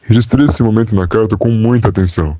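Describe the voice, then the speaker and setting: A man's voice: fairly low pitch, darkish tone, no echo, natural voice. A young man playing a formal old scribe. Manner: measured, formal recital. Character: male Portuguese royal scribe, calm and proud. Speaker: interviewee. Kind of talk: school podcast role-play.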